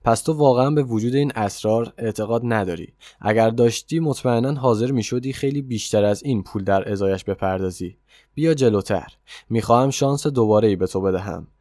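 Man voicing a calm millionaire mentor. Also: on the low side, dry recording, studio quality, lightly acted. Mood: insistent. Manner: calm and insistent. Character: calm, self-assured wealthy older male millionaire mentor.

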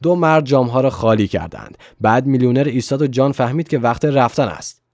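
A man narrating an audiobook in a measured, calm reading. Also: mid-range voice, dry recording, studio quality. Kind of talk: scripted narration.

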